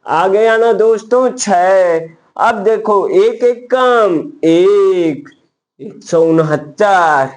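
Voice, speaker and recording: A man with a high voice walks viewers through a maths trick at a slow, deliberate pace. He counts out each step and repeats it, speaking to his students in a friendly, casual way. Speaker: maths teacher.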